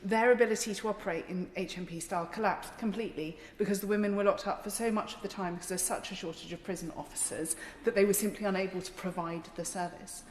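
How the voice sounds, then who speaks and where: A woman's voice: mid-range voice, steady tone, fast, few pauses. Insistent woman in echoey parliamentary debate. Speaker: member of parliament making an intervention. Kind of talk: formal parliamentary debate intervention. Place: large debating chamber indoors. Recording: echoey hall, reverb, noisy ambience.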